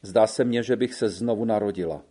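A man's voice: on the low side, warm tone, natural voice. A male narrator voicing a young Italian woman working as a wet nurse, tired and complaining on a hot train ride. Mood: plaintive. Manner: plaintive, sighing complaints.

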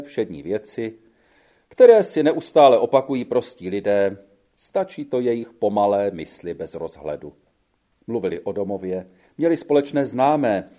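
A man reading a classic story aloud as narrator, measured and expressive. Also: mid-range voice.

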